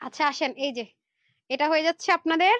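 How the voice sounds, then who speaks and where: Recorded dry, this woman talks fast in a high, fairly bright voice during a rapid Facebook live selling pitch for clothing. Long hours have made her tired, yet she stays chatty and pushy with her viewers.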